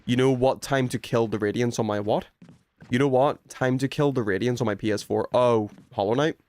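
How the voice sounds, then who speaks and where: A young adult man talks fairly quickly in a darkish, mid-range voice while livestreaming a horror game. He reads and replies to his chat in a casual, joking way, teasing viewers and swearing lightly.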